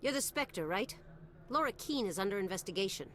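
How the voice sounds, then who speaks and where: A woman's voice: mid-range voice, lively intonation, brisk, fairly bright tone, natural voice. A woman voicing a pushy female corporate security officer in a video game, talking brashly and bossily. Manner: brash, bossy.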